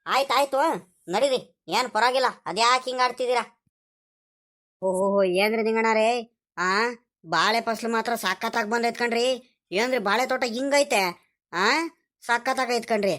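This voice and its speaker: A woman voicing a cheeky, hungry village farmhand who whines and complains, for an animated cartoon. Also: fairly high pitch. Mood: whiny. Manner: whiny, complaining, drawn-out pleading.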